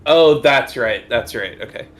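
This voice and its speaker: Slow, halting man playing a tabletop game. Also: medium pitch, lively intonation, a bit bright. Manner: halting, hesitant. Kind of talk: casual improvised tabletop role-play.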